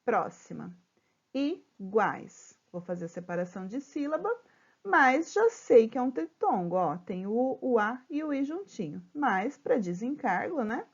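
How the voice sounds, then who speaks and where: With a Brazilian Portuguese accent and a slightly high, sing-song voice with a breathy edge, a woman teaches children grammar remotely. She patiently spells out syllables slowly and checks in with them often. The audio is muffled and lo-fi, like a laptop mic.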